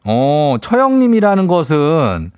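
A man's voice: fairly high pitch, wildly swooping pitch, measured pace, a little mellow, clear, resonant tone, dry recording, studio quality. A man hosting a radio call-in quiz segment, bantering playfully with a caller and reading out questions.

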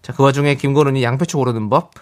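Steady middle-aged radio host man. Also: medium pitch, rapid-fire. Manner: calm and steady, with short back-channel replies. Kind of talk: radio hosting, reading listener texts.

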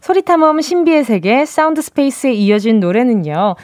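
A woman's voice: sits high, sing-song, a little fast, a little mellow, no room sound, clean studio sound, soft background music. A woman hosting a radio show, chatting playfully and teasing listeners as she reads their answers. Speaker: radio host. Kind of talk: casual radio chat.

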